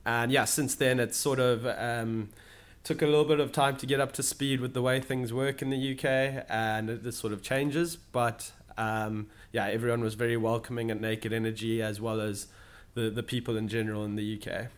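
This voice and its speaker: A young man from Zimbabwe, answering interview questions in a steady, explanatory way, pausing to find his words, in an office. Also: medium pitch. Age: young adult. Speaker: guest, solar sales manager. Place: office in London.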